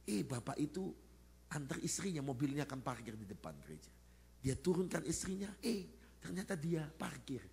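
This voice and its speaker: A man, a pastor, preaching a sermon at a church service and telling stories to the congregation in an animated way, with sudden loud rises at the high points. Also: moderate pace, vocal fry, breathy edge. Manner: animated storytelling, addressing the congregation.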